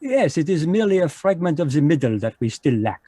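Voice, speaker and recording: In a live radio play over video call, a man voices a fussy, precise, commanding Belgian detective, putting on a French-flavored English accent with formal phrasing and a knowing mood. His fairly high, mellow voice is very animated and a little fast, recorded in a clean studio with no room sound.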